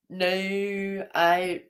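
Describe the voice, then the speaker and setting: Woman, middle-aged, unhurried, chatty livestream talk, rambling. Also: medium pitch, smooth. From Newcastle, England. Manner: rambling, chatty, answers viewers' comments aloud. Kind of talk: casual chat.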